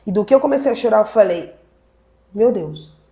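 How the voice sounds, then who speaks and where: A woman pastor telling her personal testimony in a podcast conversation, animated and acting out what people said. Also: medium pitch, rapid-fire, vocal fry. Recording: roomy echo.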